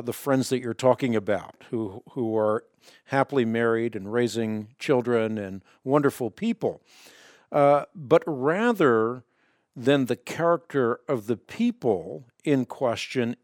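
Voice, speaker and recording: A man's voice: mid-range voice, a little mellow, no room sound, studio quality. Man preaching with a swollen, split lip. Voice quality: slightly impeded speech from a swollen lip. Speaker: host of a call-in religious broadcast. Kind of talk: call-in religious commentary.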